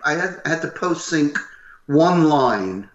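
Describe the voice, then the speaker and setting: Gruff older man in a roomy room. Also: on the high side, slow. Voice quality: loud, gruff voice. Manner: animated, acts out what others said. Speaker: voice actor guest. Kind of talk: interview storytelling. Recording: roomy, slightly dull recording.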